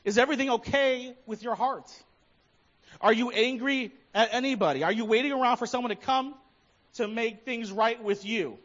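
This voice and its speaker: A man's voice: very high-pitched, moderate pace, a bit bright, dull audio. A man preaching a sermon as pastor, talking conversationally and asking his listeners many questions.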